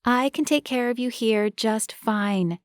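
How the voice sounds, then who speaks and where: A woman narrator voicing a caring young woman who fusses over an injury with brisk, bossy concern. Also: a little high, lively intonation, no room sound, studio quality, voice pushed up, lightly acted. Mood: tender. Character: caring young woman, fussing, tender-hearted.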